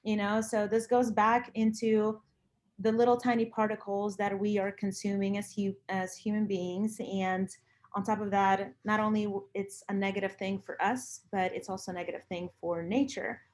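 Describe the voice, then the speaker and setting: A woman talks in an informal, conversational way. Her pitch sits in the middle range, and she is earnest, often repeating a phrase for emphasis. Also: little pitch movement, moderate pace, darkish tone. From Lithuania. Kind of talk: casual conversation about personal views.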